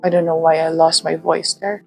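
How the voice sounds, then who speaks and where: A young woman with a Filipino accent chats through a casual vlog, musing aloud and poking fun at herself. Her voice sits a bit low and sounds slightly drowsy. Soft guitar music plays faintly behind her. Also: little pitch movement, brisk, vocal fry, poor audio. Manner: chatty, self-deprecating, musing aloud. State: sleepy, just woken. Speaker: vlogger. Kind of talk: casual chat to camera.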